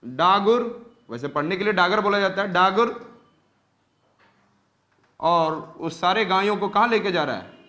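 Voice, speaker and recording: Indian man, lecturer, high-pitched, echoey room, mixes english and hindi, keeps asking the class questions. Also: expressive, brisk, bright, forceful tone. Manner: switches between English and Hindi mid-sentence. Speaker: teacher.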